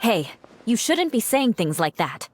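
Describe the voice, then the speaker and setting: Game role: lively voice for a steady woman leader, firm and matter-of-fact, calm under pressure. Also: a little high, unhurried, a little hiss or hum. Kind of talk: game cutscene voice acting.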